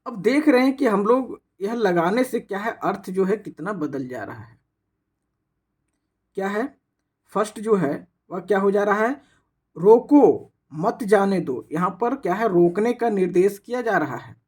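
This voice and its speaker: Speaking at a normal pace in a husky, medium-pitched voice, this teacher brings animation to a step-by-step grammar explanation. Rhetorical questions like "what is it" come up often, along with some restarts.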